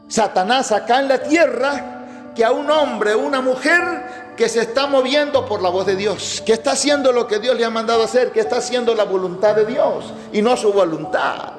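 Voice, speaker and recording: A man's voice: high voice, big-room sound. A man preaching a sermon as pastor, emphatic, with many rhetorical questions.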